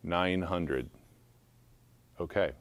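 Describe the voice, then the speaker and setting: A man's voice: low-pitched, extremely slow, clear, resonant tone, no room sound. A man calling a live charity auction for a school, playful and joking between bids.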